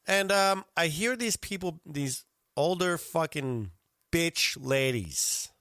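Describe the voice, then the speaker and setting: A man's voice: fairly high pitch, slow, clean tone, dry recording. Middle-aged guy ranting solo on his podcast, swears nonstop, voice jumps all over, dry close sound. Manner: profane, animated storytelling with frequent swearing. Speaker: podcast host.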